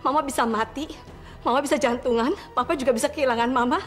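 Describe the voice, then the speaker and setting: A woman's voice: high-pitched, fast talker, natural voice. An actress playing a wealthy mother in a panic over her missing daughter, dramatic, dropping English exclamations into her lines. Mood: accusing. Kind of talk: TV drama acting. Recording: faint music underneath.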